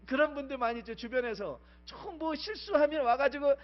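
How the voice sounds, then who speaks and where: A middle-aged man from Korea preaching in a church, his voice pitched high and carrying. He moves between loud pleading exhortation and hushed personal confession, dropping short English phrases in. The sermon recording is dull and lo-fi, with a mains hum underneath. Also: a little fast, soft background music. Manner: swings from loud urgent exhortation to quiet confessional storytelling. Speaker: pastor. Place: church sanctuary.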